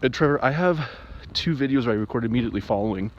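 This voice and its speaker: A separated father giving an emotional personal monologue, agitated and rambling, with restarts and sudden jumps in pitch. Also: expressive, fast talker. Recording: muffled, with faint background hiss.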